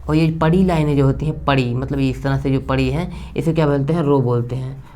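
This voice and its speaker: A man's voice: medium pitch, steady tone, a little fast, darkish tone. Chatty young male math teacher. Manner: chatty, repetitive, keeps checking in with "theek hai", cracks jokes. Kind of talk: casual blackboard math lecture.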